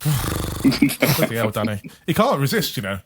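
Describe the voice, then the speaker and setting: A man's voice: medium pitch, sing-song, a little slow, crowd noise. A man co-hosting a podcast, chatting casually, teasing his co-host and quizzing the guest, laughing often.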